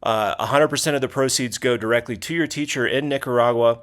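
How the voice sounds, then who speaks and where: A man's voice: mid-range voice, quick pace, a bit bright. A man hosting a casual language lesson video, talking loosely with lots of fillers, restarts and joking asides.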